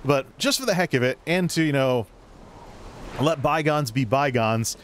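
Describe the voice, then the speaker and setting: A man talks through a game in a casual, thinking-aloud way. His pitch is average for a man and he wanders from point to point, with a little background noise on the recording. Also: lively intonation, normal speed. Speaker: gaming video creator. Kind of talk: casual gameplay commentary.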